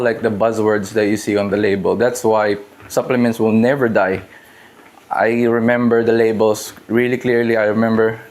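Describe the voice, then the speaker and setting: A man's voice: fairly low pitch, darkish tone. Chatty man talking fitness to camera. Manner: chatty, loose, restarts and hedges. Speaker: fitness channel host. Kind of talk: casual talk to camera.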